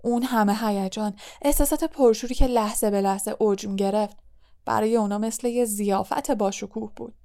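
In an audiobook, a kind, tired middle-aged male teacher, voiced by a woman, explains things in a calm, earnest way. The voice stays close to a woman's own middle pitch, with gentle comfort running through it. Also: lightly acted. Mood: grave. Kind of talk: audiobook reading.

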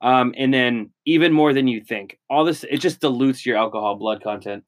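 A man's voice: medium pitch, normal speed. A young man co-hosting a podcast in casual chat, rambling through tips he reads aloud, with lots of filler words. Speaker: podcast co-host.

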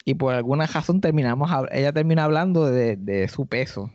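A man's voice: fairly quick, no echo. A man with a Puerto Rican accent, a podcast host and stand-up comedian, telling a story in casual comic style and acting out the people in it. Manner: animated, acts out quoted people in high voices. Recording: dry, slightly dull podcast audio.

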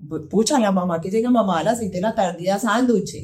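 A woman from Colombia with a Paisa accent, in her thirties, chatting casually as a podcast guest and lively acting out quotes. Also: mid-range voice, brisk. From Colombia, Pereira. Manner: animated, acts out her child's voice in quotes. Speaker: guest, mother and entrepreneur. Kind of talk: casual conversational chat.

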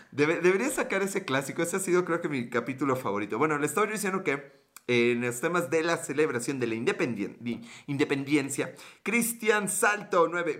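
Man, Mexican accent, livestream host, slangy and joking, bright tone. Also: fairly high pitch. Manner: joking, slangy, greets viewers by name. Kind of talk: casual livestream chat.

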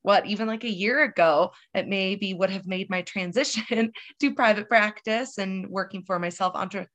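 A woman's voice: medium pitch, moderate pace, fairly bright tone. A woman co-hosting a casual podcast chat, sounding nasal and congested from a cold. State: has a cold. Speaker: podcast co-host.

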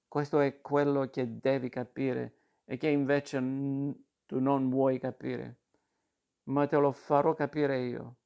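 A man voicing an angry, insistent young war veteran with a creaky voice. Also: mid-range voice, level tone, slow, warm tone, muffled recording. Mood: resentful.

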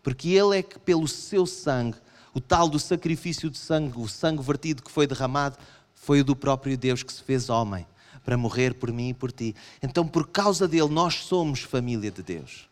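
A man with a European Portuguese accent preaching a sermon to a congregation, animated and acting out his listeners' objections. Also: moderate pace. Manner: animated, acts out voices of the congregation in raised pitch. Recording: long hall reverb.

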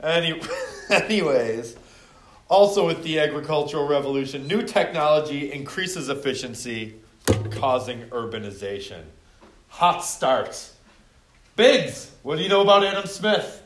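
A middle-aged male teacher with a highish, animated voice speaks a little slowly. He runs a joking review quiz in casual classroom chat, calling on students by name, recorded in an echoey classroom with faint noise.

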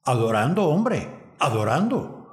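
A man voicing a humble old peasant deaconess who speaks plainly and gently scolds. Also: mid-range voice, very animated, unhurried, echoey room. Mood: earnest scolding.

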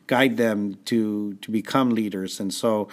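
A man's voice: lowish voice, fairly even intonation, unhurried. Enthusiastic rambling man, music teacher. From California, US. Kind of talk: casual conversation.

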